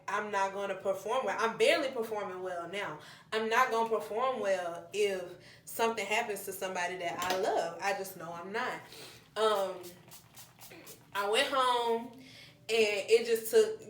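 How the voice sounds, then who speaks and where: A young woman in her twenties, a vlogger telling a personal story in casual chat, animated and acting out what people said. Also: medium pitch, roomy sound. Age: 20s. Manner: animated, addresses viewers as y'all, acts out quotes.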